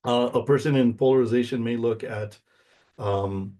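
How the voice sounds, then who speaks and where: A middle-aged American man whose first language is Spanish gives an informal lecture, explaining things and checking in with short tag questions like "okay?" and "right?" His medium-pitched voice is warm, with fairly even intonation and a moderate pace.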